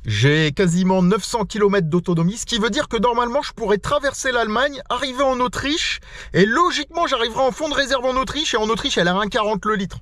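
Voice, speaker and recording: Speaking fast in a very high, fairly bright voice, a French road-tripper vlogs casually to an action camera mounted in the car. He's chatty and playful with a stuffy nose, keeps saying "les loulous" to viewers, and the recording is dry and studio quality.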